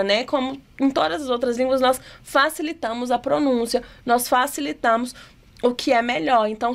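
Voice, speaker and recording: A woman with a Brazilian Portuguese accent, an English teacher going through exam questions, asking rhetorical questions and reading the English items slowly and deliberately. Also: on the high side. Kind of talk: exam-prep lesson explaining test questions.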